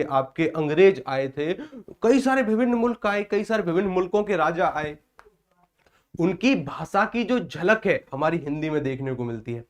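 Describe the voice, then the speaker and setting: A man with a fairly high voice teaches an online exam-prep class. He works by call and response, putting each question to the class, repeating it, then giving the answer. Between questions he reads out viewer comments and praises them.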